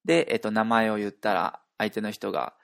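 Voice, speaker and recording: A man with a fairly low, gravelly voice hosts his own solo podcast lesson. He talks in a relaxed, chatty way and repeats each phrase slowly so listeners can follow along, recorded close to the mic. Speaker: podcast host teaching travel Thai. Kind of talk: casual solo language lesson.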